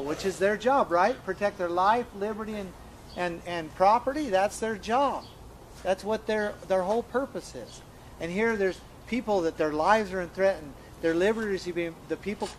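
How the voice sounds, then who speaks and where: Man, earnest and emphatic storyteller, slightly high voice, repeats himself, faint noise underneath. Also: poor audio. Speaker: interviewee recounting events. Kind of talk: conversational storytelling.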